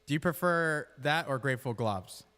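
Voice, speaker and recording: A laid-back man hosts a loose test interview with an easy, joking manner. His voice sits at a middle pitch. A room mic catches it with a long reverb tail. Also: animated, normal speed, pushed and bright. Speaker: host. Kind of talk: casual call-in interview test.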